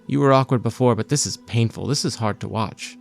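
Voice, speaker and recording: A man's voice: medium pitch, brisk, creaky, faint music behind, close to an everyday voice. A man voicing a teasing, mocking male companion whom only the captain can hear.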